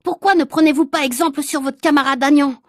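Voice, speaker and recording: Woman doing a fed-up school supervisor, scolding, loud, high voice, dry close sound. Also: fairly even intonation, fast, dry recording, close to an everyday voice. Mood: reproachful. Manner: exasperated scolding, raised voice. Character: stern male school supervisor, short-tempered.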